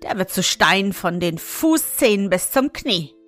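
A woman reading aloud, voicing talking ravens in a fairy tale, with loud, foreboding pronouncements. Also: medium pitch, sing-song, measured pace, soft background music. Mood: ominous. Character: gossiping talking ravens, ominous and knowing.

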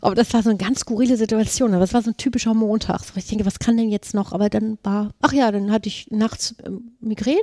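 A woman co-hosting a podcast, telling everyday anecdotes in a casual, animated way. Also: medium pitch, fast talker, hardly any pauses, no echo, clean studio sound. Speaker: podcast host. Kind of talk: casual chat.

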